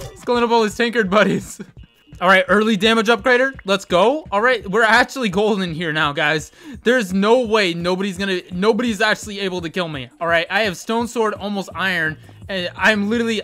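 A young man giving excitable gameplay commentary, laughing often and trash-talking opponents. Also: sits high. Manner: excitable trash-talk, frequent laughing, says bro constantly. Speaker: gaming video creator.

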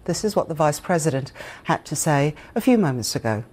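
Woman, very low voice, television news anchor, composed formal reading, studio recording. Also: very animated, brisk, a little mellow. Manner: crisp, composed, formal delivery.

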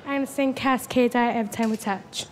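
A woman's voice: a little high, steady tone, fast, noisy background. A woman in her twenties with a Swansea Welsh accent, talking cheekily and flirtatiously into a handheld microphone on a talent show stage. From Swansea, Wales. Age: 20s. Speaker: singing contestant. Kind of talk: talk on stage at a televised audition. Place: large arena stage.

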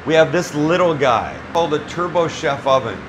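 This chef and cooking show host, a middle-aged man, speaks at normal speed in a fairly high pitch, with background noise around him. He's giving a casual demonstration in a small restaurant kitchen, joking bluntly and swearing freely.

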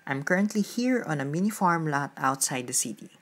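A woman's voice: deep voice, animated, a little fast. A woman hosting a gardening vlog, narrating outdoors on a farm lot in a friendly, explanatory way. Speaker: gardening vlogger.

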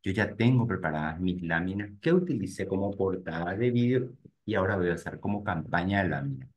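Low-voiced man teaching an ad webinar. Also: expressive, a little fast. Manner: talks to "gente" directly while clicking through screens, thinking aloud. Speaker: real estate marketing instructor. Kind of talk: live webinar walkthrough.

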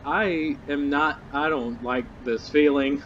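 A man's voice: on the high side, steady tone, slow pace, a bit bright. A scared, nervous man with a cracking voice, commenting casually and with plenty of swearing as he streams a horror game. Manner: foul-mouthed. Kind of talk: live gameplay commentary, casual. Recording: dull lo-fi mic, faint game noise.

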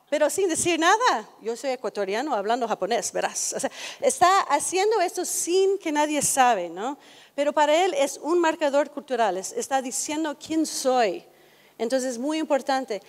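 A woman giving a conversational lecture to an audience, often putting questions to the listeners. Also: high voice. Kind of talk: educational talk to an audience. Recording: hall reverb.

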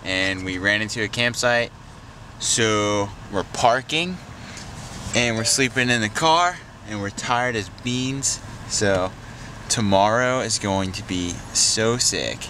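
A man's voice: lowish voice, slow pace, pushed and bright, slight background noise. A young man talking casually to a handheld camera in a car, upbeat and full of surfer slang. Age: young adult. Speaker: vlogger. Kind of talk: casual travel vlog. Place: inside a car and a house kitchen. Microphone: handheld action camera at arm's length.

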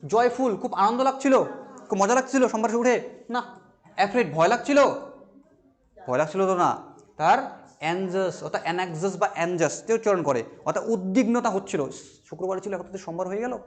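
High-voiced male teacher quizzing students. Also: animated. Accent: Bengali. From West Bengal, India. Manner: asks questions and answers them himself; reads English lines slowly, then explains. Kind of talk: exam-prep class lecture.

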